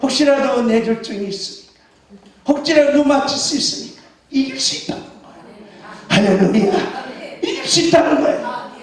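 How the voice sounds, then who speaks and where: A man, a pastor, preaching an Easter sermon with emphasis, questioning the congregation and shouting exclamations. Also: very high voice, lively intonation, normal speed, long pauses. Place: church sanctuary. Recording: echoey church hall from far off.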